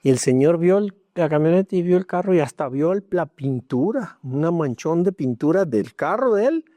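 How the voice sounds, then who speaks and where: A man preaching a sermon as pastor, telling a personal story with emotion, dropping to hushed tones and rising again. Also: a little high, lively intonation, normal speed, dry recording. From Mexico. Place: church.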